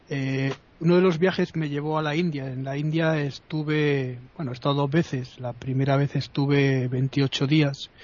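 A man's voice: medium pitch, darkish tone. Hesitant man. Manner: hesitant, full of restarts. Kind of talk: casual discussion. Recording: slightly muffled recording.

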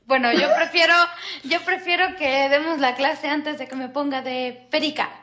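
A woman's voice: high voice, steady tone, moderate pace, fairly bright tone. Giggly woman hosting a podcast. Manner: giggly, chatty. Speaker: podcast host. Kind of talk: casual podcast chat.

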